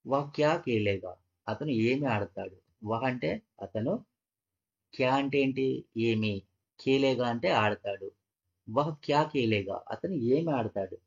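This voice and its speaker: A man's voice: medium pitch, animated, a little slow, pauses often, slightly rough. A man teaching a language lesson, patiently repeating each phrase and breaking it into parts. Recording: dull, muffled lo-fi audio.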